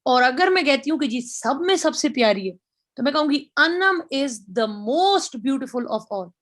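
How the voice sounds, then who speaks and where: A woman with a Pakistani accent giving a grammar lecture, explaining step by step and spelling out English example sentences. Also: high-pitched. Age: middle-aged.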